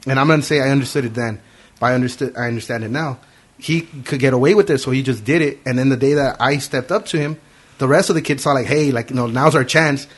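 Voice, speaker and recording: A man hosting a podcast, telling a story in casual profane chat and acting out the quotes. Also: medium pitch. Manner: quick, profane anecdote telling with acted quotes. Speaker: podcast host.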